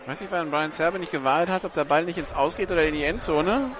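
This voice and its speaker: A man's voice: fairly high pitch, fast talker, highs cut off. A man giving live play-by-play commentary on an American football game.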